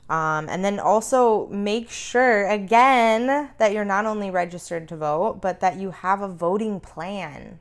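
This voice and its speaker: Low-voiced, emphatic woman co-host. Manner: emphatic, repetitive, informal. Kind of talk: casual advocacy talk.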